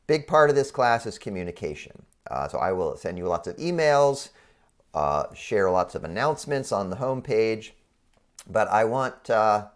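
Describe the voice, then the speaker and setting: A man with a congested, frog-in-the-throat voice, under the weather, explaining an online course as a college professor in an informal, halting way. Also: mid-range voice. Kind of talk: explanatory screen-share walkthrough for online students.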